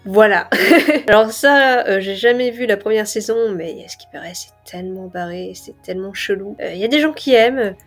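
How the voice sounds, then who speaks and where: A woman's voice: mid-range voice, a little mellow. A tired woman with a French accent, talking casually and offhandedly as an anime vlogger, full of fillers. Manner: tired, offhand, laid-back commentary with many fillers. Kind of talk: casual chat.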